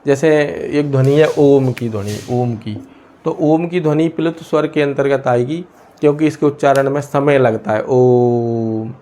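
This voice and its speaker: A man teaching a lesson from India, pausing often and asking questions he then answers himself. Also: medium pitch, warm tone. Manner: asks and answers his own questions, many hesitations. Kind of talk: explaining a lesson.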